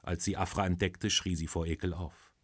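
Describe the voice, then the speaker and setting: A man's voice: deep voice, moderate pace, dry recording, studio quality. A man narrating a story in the first person and voicing his own lines in it. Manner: expressive storytelling. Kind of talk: scripted audiobook narration.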